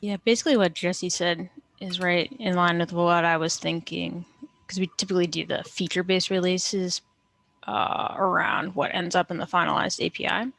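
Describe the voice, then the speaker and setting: A woman's voice: lowish voice, steady tone, normal speed, gravelly, a bit bright. A woman talking casually as a team member in a work meeting.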